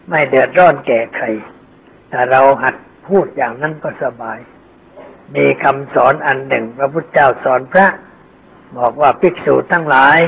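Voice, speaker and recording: An older man, a Buddhist monk, giving a dhamma sermon in a plain, homely, unhurried teaching manner with folksy asides. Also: on the high side, gravelly. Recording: old phone-like lo-fi recording with faint hiss.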